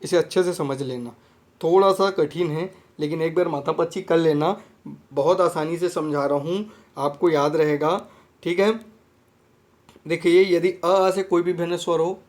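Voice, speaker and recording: A man's voice: fairly high pitch, fairly even intonation, a little slow, darkish tone. A man teaching an exam-prep grammar lesson, often repeating himself and checking whether the students have understood. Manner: repetitive, checks understanding with "theek hai friend".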